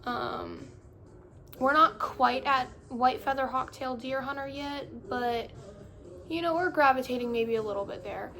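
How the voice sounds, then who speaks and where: A woman's voice: high voice, unhurried, bright, forceful tone. A young woman vlogging to her phone, chatty and rambling, cutting herself off often, talking with a put-on valley-girl inflection. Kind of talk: casual chat to camera. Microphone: phone camera. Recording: phone recording with faint music behind. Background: faint music playing.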